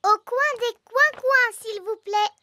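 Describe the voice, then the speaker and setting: An actor playing a curious, bossy little girl piglet with a bright childlike way of talking in a preschool cartoon dub. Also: very high voice, slow, heavily acted. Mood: eager.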